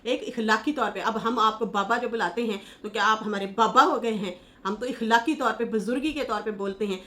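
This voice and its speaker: A woman's voice: on the high side, fairly quick, sharp tone. A woman giving casual commentary, reading viewer comments aloud in a chatty, scolding manner and laughing as she mocks. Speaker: YouTube commentator.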